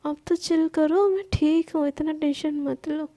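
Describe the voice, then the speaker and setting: A woman's voice: high voice, fairly even intonation, a little slow, warm tone. A woman voicing a playful, doting young woman in love who teases and soothes her partner. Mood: teasing. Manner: teasing and soothing, calls her partner baby.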